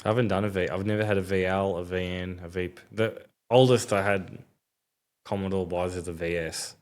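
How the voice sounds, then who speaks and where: A man's voice: deep voice, steady tone, brisk. A man with an Australian accent in casual, laid-back and colloquial conversation. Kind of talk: casual car chat.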